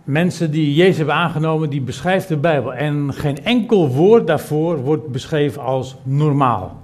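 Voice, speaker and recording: A middle-aged man from the preaching a sermon in church and reading from the Bible. He goes from soft, measured talk to loud, emphatic preaching and repeats phrases for emphasis. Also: a little high. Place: church service, also streamed to people at home.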